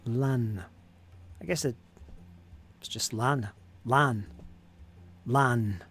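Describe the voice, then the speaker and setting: A man's voice: mid-range voice, drawn-out words, fairly bright tone, slight background noise. A man hosting a miniature-painting stream, chatting casually and musing aloud over how words are pronounced. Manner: muses aloud over pronunciation, chatty and joking. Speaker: channel host painting miniatures. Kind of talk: casual chat while painting.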